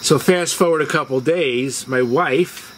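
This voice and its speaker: Recorded outdoors on a house porch at dusk, a video host with a slightly high voice shares personal stories casually at a measured pace. Crickets and other insects chirp in the background.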